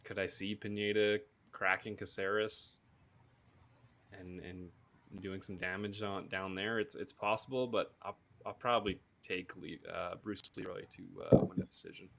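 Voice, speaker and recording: A man co-hosting a podcast, giving measured, thoughtful fight analysis that trails off at times. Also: low voice, steady tone, gravelly, fairly bright tone.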